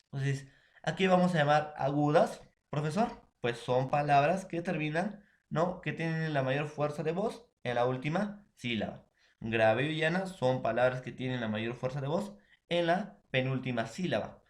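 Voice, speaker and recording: A man's voice: fairly high pitch, moderate pace. A man from Peru teaching a class, explaining step by step and often checking in with his listeners.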